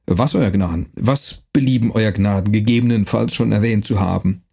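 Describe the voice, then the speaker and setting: A man voicing a deferential male master builder who speaks humbly and lower, with a husky voice. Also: normal speed, dark tone. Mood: incredulous.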